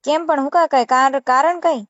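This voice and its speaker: A channel creator takes a phone call and argues assertively, scolding and repeating herself in a Saurashtra Gujarati accent. Her high-pitched voice is a bit bright and moves at a moderate pace, with no room sound on the muffled call recording.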